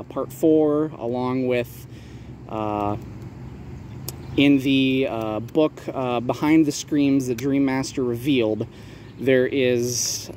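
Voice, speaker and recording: A man with a medium-pitched voice talks through a casual showcase vlog. He explains details in a halting way, often qualifying what he says. Ambient noise is clearly audible behind him. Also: a little mellow. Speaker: maker showing a handmade prop replica for sale.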